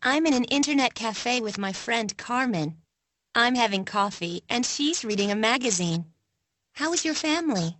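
A woman reading a polite young woman's lines in a scripted textbook dialogue, clearly enunciated. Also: on the high side, animated, moderate pace, a bit bright, slight background noise.

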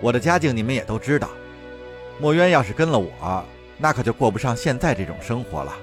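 A man's voice: mid-range voice, animated, a little fast, soft background music, close to an everyday voice. A man voicing a modest, sincere young man who speaks courteously in a historical audio drama. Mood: heartfelt. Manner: courteous, warm-hearted.

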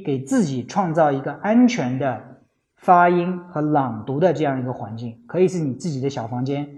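A middle-aged man from China offers earnest, casual advice on learning English in an informal spoken lesson, often slipping English phrases into his speech. His voice is fairly high and a little mellow, with faint music playing behind it.

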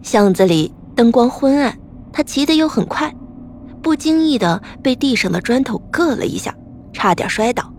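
A woman narrating a story in a lively, expressive way. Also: a little high, moderate pace, slight background noise. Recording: faint background music.

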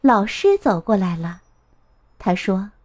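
A woman narrating a children's storybook in a gentle, expressive way. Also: medium pitch, takes it slowly.

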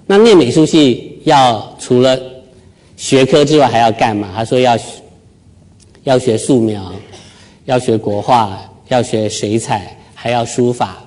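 A man's voice: medium pitch, unhurried, a little mellow. Self-mocking man telling a story to a crowd. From Taiwan. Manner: self-deprecating, humorous storytelling. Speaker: speaker giving a talk. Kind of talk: storytelling public talk. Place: lecture hall with live audience.

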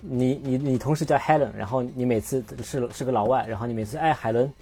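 Casting note: male podcast host, mellow low-key tone, chatty and rambling, faint music underneath. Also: fast, slightly rough. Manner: rambling, self-correcting, looks things up mid-talk. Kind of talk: casual solo podcast chat.

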